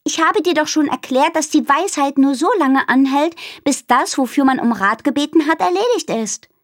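A woman reading aloud voices a young know-it-all girl who lectures in a high, easily irritated voice. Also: animated, unhurried, no echo, clean studio sound.

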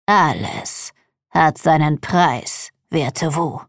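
Woman doing a squeaky storybook villain. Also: no room sound, clean studio sound, full character voice. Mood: menacing. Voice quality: squeaky like a rusty hinge. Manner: slow, smooth, threatening. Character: menacing male customer, squeaky villain. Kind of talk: storybook reading.

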